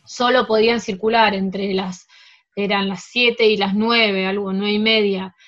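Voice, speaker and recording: A woman from France with an Argentine Spanish accent, a table tennis player, answers interview questions in a relaxed but hesitant, halting way, full of fillers and restarts. Her voice is mid-range, and the recording sounds dull and lo-fi.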